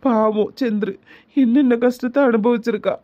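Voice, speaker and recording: A man voicing a remorseful older father in a cartoon, speaking pained asides slowly in a Tirunelveli Tamil accent. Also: very high voice, steady tone, dark tone, lo-fi sound. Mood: sorrowful. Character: remorseful older father, secretly watching his son. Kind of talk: cartoon voice acting.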